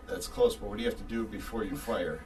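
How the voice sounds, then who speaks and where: Man, very deep voice, patient explainer, distant mic. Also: wildly swooping pitch, normal speed, a little mellow. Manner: patient, gives hints, chuckles often. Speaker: guest, war reenactor. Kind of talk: casual explaining chat.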